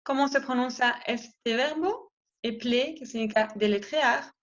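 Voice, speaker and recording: Slow-talking woman teaching French. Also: on the high side. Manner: spells out letters one by one, models pronunciation. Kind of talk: slow explanatory lesson. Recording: dull lo-fi recording.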